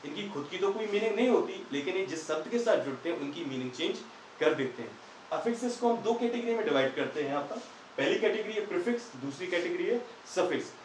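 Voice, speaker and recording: High-voiced male teacher in an echoey room. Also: slight background noise. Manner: patient, asks questions and answers them himself. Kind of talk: explaining English grammar in Hindi. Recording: echoey room, far from the mic.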